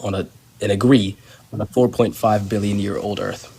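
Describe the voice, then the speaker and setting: A man's voice: fairly low pitch, steady tone, moderate pace, creaky, mellow, breathy edge. A man in an online debate, his call connection cutting in and out as he lays out his argument premise by premise. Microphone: online video call.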